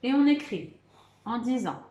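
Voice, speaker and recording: A woman's voice: a little high, animated, unhurried, dark tone, echoey room, muffled recording. A woman teaching young children, patiently spelling words letter by letter and encouraging them as she goes. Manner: encouraging, repeats "d'accord" and "très bien". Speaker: primary school teacher. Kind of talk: remote spelling lesson for children.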